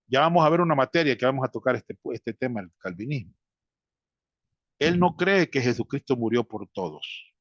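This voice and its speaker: Guy teaching a bible lesson, really slow and careful, dry muffled sound. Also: medium pitch, a bit bright, no room sound. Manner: slow, deliberate teaching, addressing listeners as brothers.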